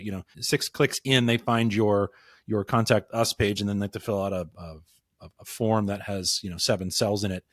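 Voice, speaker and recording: A man's voice: on the low side, no echo, studio quality. A man co-hosting a business podcast who talks in a wry, sarcastic way and often restarts his sentences. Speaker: podcast co-host. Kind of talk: casual business chat.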